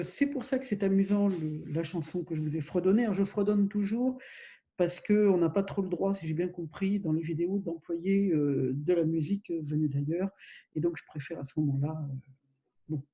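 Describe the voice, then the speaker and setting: A man's voice: fairly high pitch, warm tone. A man giving an informal recorded lecture, rambling with many fillers and self-corrections.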